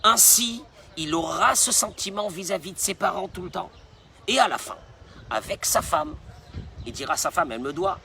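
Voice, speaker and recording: A man's voice: high-pitched, expressive, normal speed, gravelly, bright, forceful tone, slight background noise. A man, a rabbi, preaching a sermon in an emphatic way, repeating phrases for stress.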